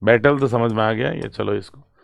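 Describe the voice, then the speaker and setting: A male literature teacher who explains a poem's structure in Hindi. He reads the lines slowly and with stress, then breaks them down for exam students and keeps asking whether they follow. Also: medium pitch, gravelly, no room sound, dull audio. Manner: asks students check questions, writes on a board. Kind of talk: exam-prep poetry lecture mixing Hindi and English.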